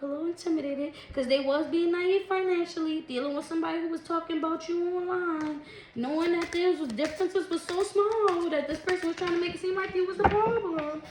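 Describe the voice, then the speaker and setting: A woman doing a casual tarot reading, chatty and quick to laugh, who calls her listeners "collective" and "baby". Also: extremely high pitch, steady tone. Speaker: tarot reader. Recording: echoey room, faint noise.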